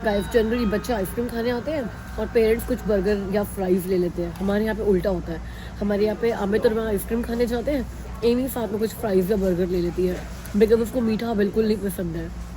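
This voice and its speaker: A woman's voice: mid-range voice, steady tone, a little fast, noisy background. A woman in her thirties with a Hindi accent, chatting casually to her vlog audience and poking fun at herself. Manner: chatty, mixes Hindi and English, self-mocking. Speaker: vlogger.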